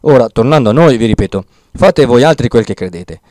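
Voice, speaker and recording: A man's voice: medium pitch, fairly quick, no room sound, studio quality, close to an everyday voice. A man voicing a timid, fussy old village priest who rambles and frets in an audiobook reading. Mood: placating. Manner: fretful, rambling, excitable.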